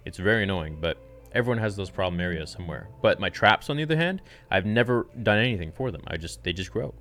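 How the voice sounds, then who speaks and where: A man's voice: sits low, animated, fast, fairly bright tone. A man in his twenties hosting a fitness channel, casually reading viewer questions aloud and answering them in a laid-back live-stream Q&A. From Canada. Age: 20s.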